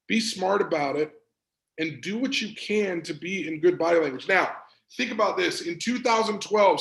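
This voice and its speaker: Emphatic male performance coach, gravelly, somewhat high voice, echoey room. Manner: energetic, emphatic, repeats words for stress. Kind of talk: motivational presentation.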